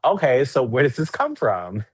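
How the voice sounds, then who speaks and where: A man's voice: mid-range voice, very animated, normal speed, husky, dry recording. A man co-hosting a podcast in casual chat, who leads the discussion and acts out scenarios with quoted voices. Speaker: podcast co-host.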